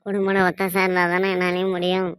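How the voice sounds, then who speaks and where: A nagging old mother-in-law from a cartoon comedy, played by a woman, who scolds and complains without pause. Her delivery stays flat and even. The sound is dry and close to the mic. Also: on the low side, clear, resonant tone, no echo, natural voice. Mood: complaining. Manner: scolding, complaining, grumbling to herself.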